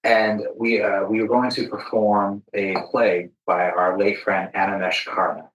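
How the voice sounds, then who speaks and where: A podcast host with a distinctly low voice talks conversationally in a reflective, halting manner, often doubling back on his words. His delivery is flat and a bit bright, the highs are cut off, and the room lends a clear echo.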